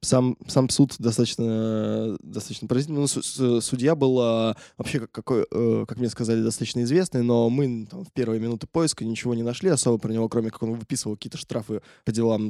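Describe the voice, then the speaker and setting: A man's voice: mid-range voice, steady tone, fast talker, gravelly, dark tone, no room sound, studio quality. A man, a correspondent, recounting events in casual talk, hesitant with many filler sounds and restarts. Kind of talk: casual spoken recollection.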